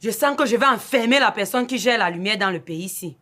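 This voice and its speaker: A woman's voice: medium pitch, expressive, fast talker, a bit bright, slight background noise, natural voice. An actress playing a stern gendarmerie commander who scolds her staff. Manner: stern, reproachful.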